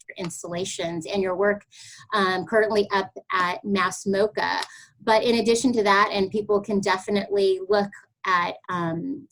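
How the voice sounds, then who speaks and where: A woman hosting an online artist webinar over a video call, introducing her guest effusively with many pauses and fillers. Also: medium pitch, fairly bright tone, low-quality recording. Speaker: host of online workshop. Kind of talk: webinar interview.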